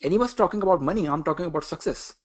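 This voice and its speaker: A middle-aged Pakistani man with a Pakistani accent and a high voice races through an online career coaching lecture. He speaks earnestly, often repeating phrases and using fillers.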